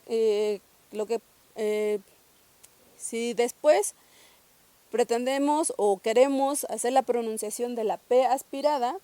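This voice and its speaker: A woman's voice: a little high, warm tone, dry recording. Patient woman teaching pronunciation, dry sound. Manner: patient, repeats each sound slowly several times. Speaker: language teacher. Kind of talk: spoken pronunciation lesson.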